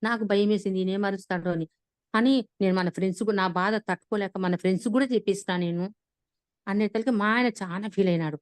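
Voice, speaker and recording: A woman, casually retelling a personal story on a video call, animated and full of restarts. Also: medium pitch, quick pace, no room sound. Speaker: class participant sharing an experience.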